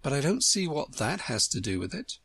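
A woman's voice: sits low, sing-song, brisk, vocal fry, fairly bright tone, breathy edge, dry recording, pitched above the performer's own voice, heavily acted. A woman voicing a curious, polite young girl who asks questions in a storybook. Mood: puzzled. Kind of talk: storybook character voice.

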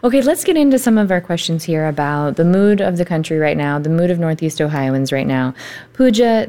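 A woman moderating a panel discussion, asking questions in a polite, measured way. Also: low voice, warm tone.

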